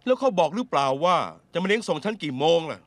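A man's voice: high voice, animated, fast, dry recording. A man dubbing a bossy, resentful male lawyer in a Thai drama dub, with a complaining, scornful delivery.

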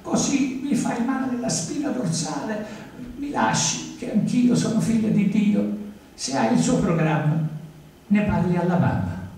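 A man voicing a lively, cheeky young woman who protests in rhymed verse, recorded from far off in an echoey hall at a live event. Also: high voice, unhurried, pitched above the performer's own voice, heavily acted. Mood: indignant.

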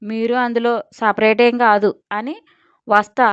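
A woman's voice: a little high, little pitch movement, a little slow, clear, resonant tone, dry recording, close to an everyday voice. A woman voicing a cheeky young man who mocks and teases sarcastically. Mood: mocking. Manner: mocking, sarcastic. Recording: dull lo-fi audio.

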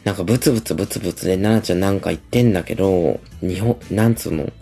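A man's voice: low-pitched, fast talker, gravelly, dark tone, soft background music. A middle-aged man livestreaming, telling stories in a chatty, gossipy way with a feminine speech style. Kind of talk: casual livestream chat.

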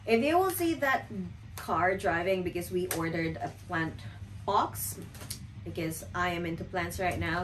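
Woman vlogger, lowish voice, chatty storyteller who giggles a lot, light hiss behind. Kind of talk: casual storytime.

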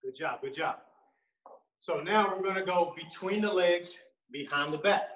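A man with a high-pitched voice coaches basketball dribbling drills at a measured pace, counting reps and calling out cues with encouragement as part of a home workout. The audio is dull, with an echoey room, a distant mic and loud noise.

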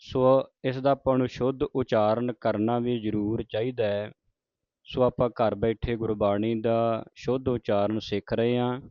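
Man, recitation teacher, slow measured chanting, smooth resonant voice, dull lo-fi sound. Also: medium pitch, fairly even intonation, no echo. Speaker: Gurbani pronunciation teacher.

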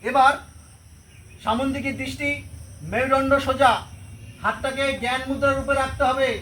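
A woman's voice: high voice, little pitch movement, normal speed, fairly bright tone, a little hiss or hum, low-quality recording. A woman yoga teacher, leading a class of schoolchildren and giving step-by-step commands and counting aloud.

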